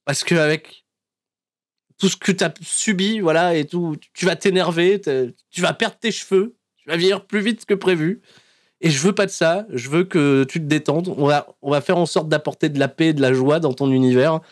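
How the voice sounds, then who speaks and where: A man puts on a burly male wrestler who turns soft and earnest, promising to make everything right. The voice sits higher than usual, with a coaxing, over-gentle tone. It is an acted quote inside a casual podcast recap. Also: moderate pace, no room sound, studio quality, natural voice. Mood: reassuring. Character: tough male wrestler turned sweetly comforting.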